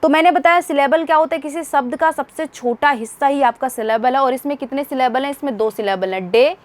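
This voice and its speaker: Brief: young woman from India, high voice, patient exam tutor who repeats key points. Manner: explanatory, repeats points and checks with "theek hai?"; reads English sentences slowly and deliberately. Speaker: teacher. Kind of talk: exam-prep lesson in Hindi with English terms.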